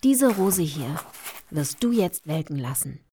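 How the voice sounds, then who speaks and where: A woman playing a hushed, secretive young witch-lore collector. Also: low-pitched, a little slow, slight background noise. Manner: hushed, calm, instructive, often whispering. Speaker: Kathy. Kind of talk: German horror audio drama acting.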